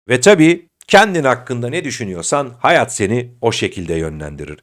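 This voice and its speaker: A middle-aged man giving a motivational talk as a self-confidence coach, speaking directly to the listener like a friend. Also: lowish voice.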